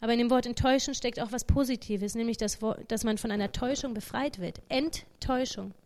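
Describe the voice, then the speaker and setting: A woman's voice: on the high side, a little fast, darkish tone. A woman giving an informal devotional talk, earnest and conversational, often voicing the thoughts of an imagined believer. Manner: earnest, conversational, acts out imagined inner voices.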